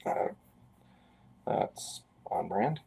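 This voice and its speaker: A Canadian man in his forties chats casually while drawing on a live stream, rambling and tossing in self-deprecating asides. His voice is mellow, and he draws out his words.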